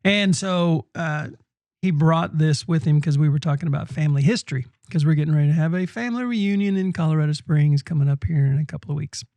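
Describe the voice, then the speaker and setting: A man's voice: on the high side, fast talker, no room sound. A man who is a pastor, co-hosting a casual podcast and telling a family story with an easy, laughing manner; his voice sounds a little off today. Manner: relaxed, storytelling, laughs easily. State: voice a bit off today.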